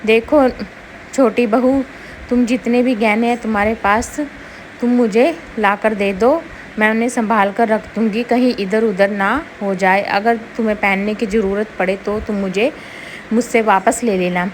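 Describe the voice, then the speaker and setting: A woman's voice: medium pitch, fairly even intonation, normal speed, a little hiss or hum, lightly acted. Woman playing a harsh bossy mother-in-law. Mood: coaxing. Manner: scolding, bossy. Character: harsh domineering middle-aged mother-in-law.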